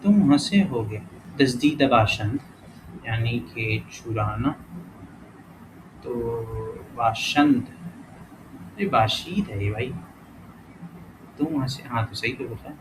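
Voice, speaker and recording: A man teaching a casual lesson who thinks aloud as he works through exercises, corrects himself often and reads example words out slowly. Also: mid-range voice, animated. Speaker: language teacher. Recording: clear background noise.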